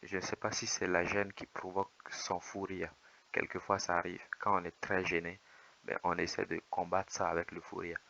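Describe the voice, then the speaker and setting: Low flat-voiced man coaching calmly. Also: gravelly, muffled recording, a little hiss or hum. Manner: measured, reassuring, explanatory. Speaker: dating coach commenting on footage. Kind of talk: calm voice-over commentary.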